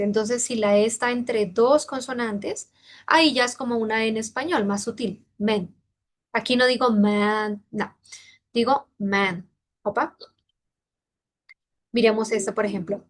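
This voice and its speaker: Woman teaching sounds with slow demonstrations. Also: on the high side. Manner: demonstrates sounds slowly and repeatedly; explanatory, checks understanding with questions. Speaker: Mandarin teacher. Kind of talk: online pronunciation lesson.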